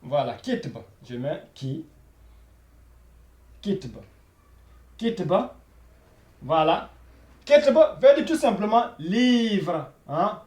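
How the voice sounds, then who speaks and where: A man's voice: high-pitched, big pitch swings, very slow, pauses often, a little mellow. A man teaching a beginner Arabic lesson, repeating each word and checking in with frequent "voilà" and "hein?". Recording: echoey room.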